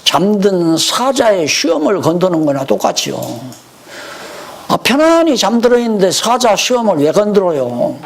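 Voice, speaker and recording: A man's voice: sits high, very animated, normal speed, vocal fry. A man teaching a Bible study lecture, explaining verses and then telling stories from his own life.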